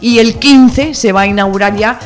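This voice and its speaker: A woman hosting a local radio show, reading the news in a brisk newsreader style and chatting with her co-host. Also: fairly high pitch. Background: music bed.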